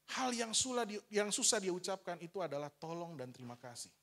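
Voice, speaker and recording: Guy preaching, talks straight to the congregation, slips into little dialogue bits, voice a bit on the high side. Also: big pitch swings, brisk, vocal fry, fairly bright tone. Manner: candid storytelling, acting out dialogue with his father; addresses the congregation as "saudara". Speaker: pastor. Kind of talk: sermon.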